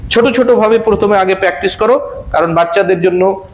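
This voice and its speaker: A man whose first language is Bengali, teaching a spoken English lesson to children. He says short English sentences slowly and then translates each one. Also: high voice. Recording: echoey room.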